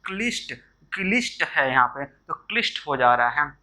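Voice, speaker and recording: Guy running a spelling lesson, kinda high voice, super bright tone, goes word by word. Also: sing-song, moderate pace. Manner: walks through words one by one, with fillers and restarts. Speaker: Hindi teacher. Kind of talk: exam-prep spelling lesson.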